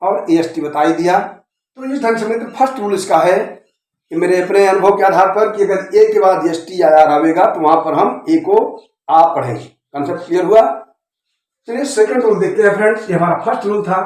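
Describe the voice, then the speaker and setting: Guy teaching grammar, high voice, keeps asking if you get it, super echoey room. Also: normal speed, darkish tone. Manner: repetitive, checks understanding often. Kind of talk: classroom-style video lecture.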